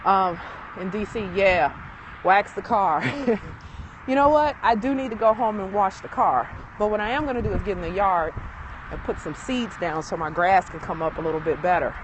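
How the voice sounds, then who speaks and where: A chatty woman real estate agent talks her way through a casual walking live-stream, full of fillers and easy asides. She sounds a little winded from the walk. Her voice comes through a handheld phone outdoors, with clear city noise around her. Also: mid-range voice, moderate pace, rough recording. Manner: chatty, rambling, with many fillers and laughs. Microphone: phone held while walking.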